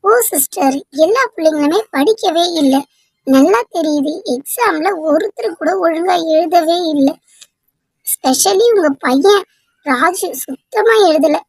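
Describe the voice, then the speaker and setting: A woman's voice: extremely high pitch, lively intonation, slow, no echo, clean studio sound, heavily acted. A woman voicing a young schoolteacher in a cartoon, complaining firmly about her pupils. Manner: complaining, firm.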